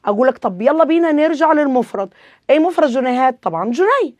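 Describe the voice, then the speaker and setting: Brisk Egyptian woman teaching grammar. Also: high-pitched, expressive, darkish tone, no echo. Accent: Egyptian Arabic. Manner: asks questions and answers them herself, repeats rules. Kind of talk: explaining a grammar lesson.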